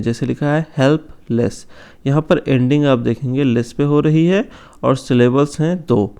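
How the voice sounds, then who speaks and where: A man teaching English grammar in an online lesson, slowing down to stress each example word. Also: medium pitch, gravelly, mellow, clean tone. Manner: slow, careful stress on example words.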